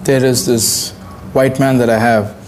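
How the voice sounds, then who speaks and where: A man's voice: medium pitch, fairly even intonation, measured pace, a little hiss or hum. A man in his thirties from India, speaking unscripted on location as a wildlife campaigner.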